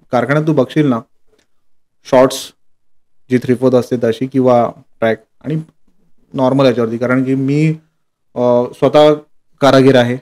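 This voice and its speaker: A man talking casually as a guest on a podcast, easygoing as he tells stories from his workshop. He acts out what others said in short quoted exchanges. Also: mid-range voice. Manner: relaxed storytelling with quoted dialogue. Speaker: sculptor guest.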